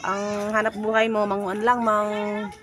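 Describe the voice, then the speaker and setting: A woman's voice: medium pitch, monotone, a little slow, fairly bright tone, slight background noise. Brief: out-of-breath woman vlogger with a Cebuano accent, chatty, recorded outdoors on a phone. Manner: breathless, chatty, laughing often. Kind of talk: casual vlog, walking and chatting. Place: outdoors, hillside village.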